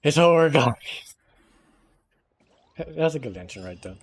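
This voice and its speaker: A man's voice: a little high, animated, unhurried, slightly rough. Man on a livestream headset mic. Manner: chatty, rambling, swears casually. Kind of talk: casual gameplay commentary.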